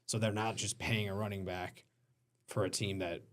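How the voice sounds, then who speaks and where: A man's voice: on the low side, little pitch movement, moderate pace, fairly bright tone. A man co-hosting a casual sports talk show, joking and sarcastic, often laughing as he talks.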